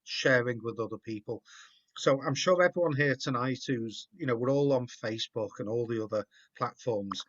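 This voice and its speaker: A man's voice: medium pitch, normal speed, fairly bright tone. Host, man, rambling and encouraging, muffled video-call audio. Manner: rambling, encouraging, repeats words. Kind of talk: casual chat.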